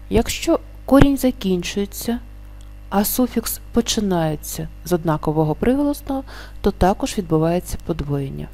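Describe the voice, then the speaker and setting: A woman teaching a grammar lesson, stating each rule and then slowly and carefully sounding out the example words. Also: medium pitch, warm tone.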